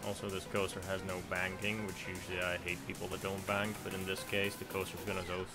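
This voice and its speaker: A man's voice: deep voice, monotone, quick pace. A man giving casual live game commentary as a streamer. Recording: loud music behind the voice. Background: loud music.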